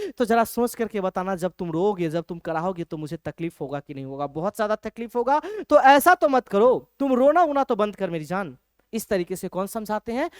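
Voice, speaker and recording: A man teaching a lecture in a lively way, checking often that students follow and reading verse lines slowly. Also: high-pitched, no room sound, studio quality. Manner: lively, keeps asking if things are clear; reads English verse slowly. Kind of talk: classroom-style lecture.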